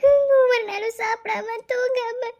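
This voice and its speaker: A tearful, anxious young wife in a cartoon love story, voiced by a woman. She pleads in a very high, thin voice. She sounds worn down by missing her husband. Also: lively intonation, moderate pace, highs cut off. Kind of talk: cartoon voice acting.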